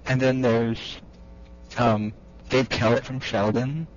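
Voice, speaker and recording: A man's voice: medium pitch, flat delivery, slow. A man co-hosting a casual chat over an online call, with dry, defensive ribbing. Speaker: podcast co-host. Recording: muffled lo-fi call with faint hum.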